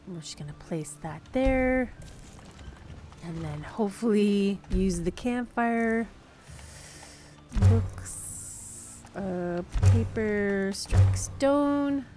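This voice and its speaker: A woman's voice: mid-range voice, lively intonation, drawn-out words, warm tone, faint music behind. A woman streamer casually chatting through a game, laughing and thinking aloud to her viewers. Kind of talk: casual gameplay commentary to chat.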